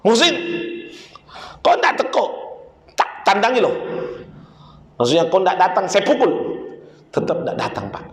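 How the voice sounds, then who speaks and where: A man voicing an angry middle-aged father who shouts threats at his son, in an echoey hall. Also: sits high, big pitch swings, quick pace. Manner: bellowing threats. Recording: echoey hall with long reverb.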